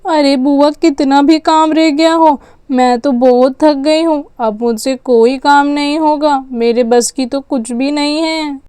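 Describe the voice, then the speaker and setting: A woman's voice: high-pitched, fairly even intonation, unhurried, few pauses, warm tone, no room sound, studio quality. A woman voicing a lazy little girl who complains and asks many questions, in a doll story. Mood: whiny. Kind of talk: storytelling with dolls.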